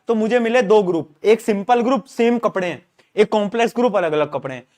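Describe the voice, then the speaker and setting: A man teaching an online science class in speech, asking students questions and using stories as memory aids, often clearing his throat. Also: very high voice. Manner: asks students questions, uses story mnemonics.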